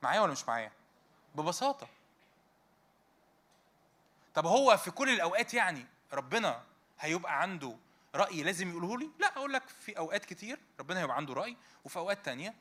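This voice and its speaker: A man in his thirties or forties with an Egyptian Arabic accent preaches a conversational sermon to a youth meeting. His voice sits high, and he's animated, firing rhetorical questions at his listeners.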